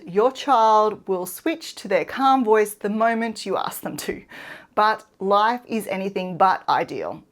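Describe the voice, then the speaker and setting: A woman, giving calm, clear parenting advice in an explainer video. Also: mid-range voice. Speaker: parenting educator.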